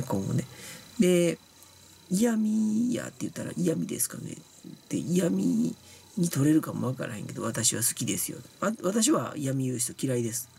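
Tipsy Kansai man, blunt and scolding, lively pitch, rambling vlog talk. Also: gravelly, husky. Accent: Kansai Japanese. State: tipsy and sleepy from drinking. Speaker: YouTuber talking to viewers. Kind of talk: casual monologue to camera.

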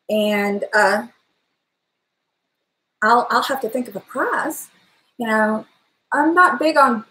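A middle-aged woman streams live from her home kitchen, chatting in an animated, casual way and breaking into song while gesturing. Her powerful, trained voice sits high. Captured by a webcam at desk distance, the sound is roomy and the audio poor.

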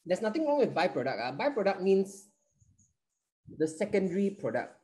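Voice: medium pitch, very animated, normal speed, mellow, low-quality recording. Playful teacher. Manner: playful, jokey, counts down answers. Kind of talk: live online English class. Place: online class.

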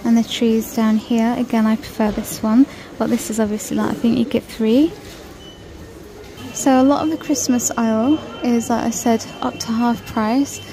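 In a casual shop-with-me clip recorded on a handheld phone camera, a woman from the UK wanders a large store aisle, chatting and announcing prices. Her fairly high voice holds a steady tone at a moderate pace. Background noise is audible.

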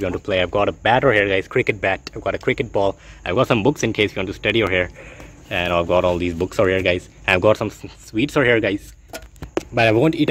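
A young man with a somewhat low voice chats excitedly into a handheld phone from inside a car blanket fort. He keeps calling out to his viewers as guys. Faint noise and clicks sit under the close phone sound. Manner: chatty, says guys constantly, excited. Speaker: vlogger. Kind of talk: casual vlog narration. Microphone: handheld phone camera.

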